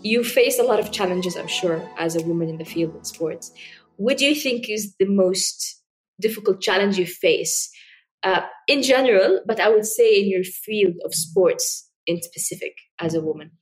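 A woman hosting an interview, soft-spoken and encouraging toward her guest. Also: medium pitch, normal speed, faint music behind. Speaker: interview host. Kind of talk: casual interview talk.

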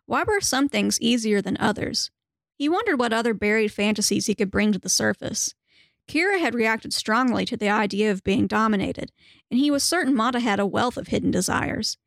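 A woman podcast host reading a novel aloud in a steady, even way, with banter. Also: a little high, moderate pace, creaky, no echo, studio quality.

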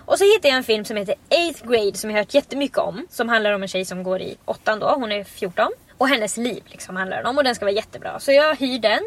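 A young woman chatting casually as a podcast co-host, telling stories in an animated way. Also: a little high, few pauses. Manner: chatty storytelling, animated retellings. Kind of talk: casual chat.

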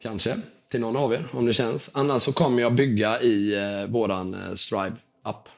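A young man with a slightly hoarse voice, telling an animated story as a podcast guest and acting out the people in it. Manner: lively storytelling, acts out quotes with big jumps in pitch.

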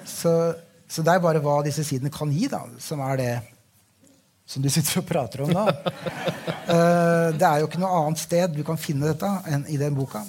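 A man's voice: fairly high pitch, steady tone, a little mellow, slight background noise. A man, a novelist, talking about his own book in a candid, rambling way, swearing now and then. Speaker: novelist being interviewed. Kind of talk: casual conversation.

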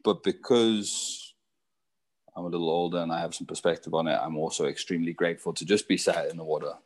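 A man's voice: sits low, fairly even intonation, fast talker. A young man from Zimbabwe, a surfer, talking casually as an interview guest with lots of fillers and restarts.

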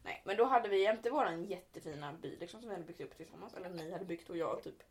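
A young woman chatting casually with her brother, laughing through her stories, swearing offhand and acting out shrill cries when she retells them. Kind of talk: casual chat.

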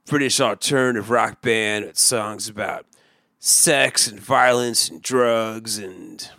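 A man's voice: on the low side, a bit bright, dry recording, clean studio sound. A man in his forties co-hosting a podcast, telling stories in a rambling, wry, self-mocking way. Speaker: podcast co-host. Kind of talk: casual chat.

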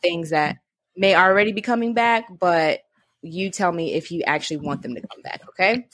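Young woman, casual chat, rambling and filler-heavy, lowish voice, dry room. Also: normal speed, a bit bright, no room sound. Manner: chatty, rambling, many fillers. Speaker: co-host.

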